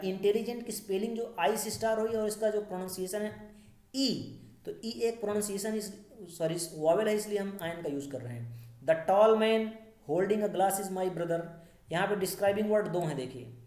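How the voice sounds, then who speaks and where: A woman teacher works through a grammar lesson at a patient, step-by-step pace. Her pitch sits in an ordinary middle range, and she slows down deliberately whenever she reads out an English rule or example. The voice carries a noticeable echo from the room. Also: dark tone. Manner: patient, explains step by step, slows down to read English rules aloud.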